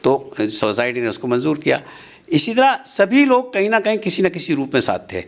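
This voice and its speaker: A man's voice: a little high, wildly swooping pitch, moderate pace, vocal fry. An older man, answering interview questions in an earnest, insistent way as an official of a university society. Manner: earnest, insistent, defends himself at length.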